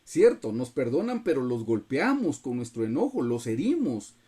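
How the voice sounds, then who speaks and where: Guatemalan pastor, husky mellow voice. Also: male voice, medium pitch, sing-song, moderate pace. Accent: Guatemalan Spanish. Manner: earnest, keeps addressing listeners as brothers. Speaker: pastor leading a Bible study. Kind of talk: sermon with personal testimony. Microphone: video call.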